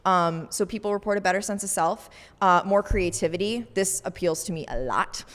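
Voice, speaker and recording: A woman's voice: medium pitch, moderate pace, long reverb tail. A woman co-hosting a podcast, chatting casually with plenty of fillers. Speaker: podcast co-host. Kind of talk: casual chat.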